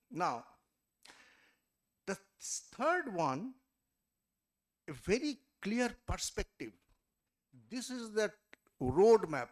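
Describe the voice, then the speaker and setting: A man with a high-pitched voice lectures a class on group discussion skills. He is emphatic, counts off his points one by one and keeps checking in with "okay?". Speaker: trainer. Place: college event hall or classroom.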